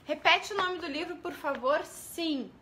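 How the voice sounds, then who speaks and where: A woman's voice: very high-pitched, bright, forceful tone, slight background noise. A woman with a Brazilian accent who trains teachers, giving a live-streamed lesson, asking viewers questions and greeting them by name. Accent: Brazilian Portuguese. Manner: spells out letters slowly and clearly.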